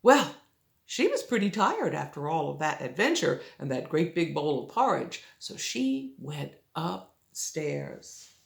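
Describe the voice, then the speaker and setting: An older woman with a sweet old lady manner tells a children's story as a grandmother, gently coaxing the listener with little questions. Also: low voice, big pitch swings, slow, creaky. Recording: roomy, echoey home recording.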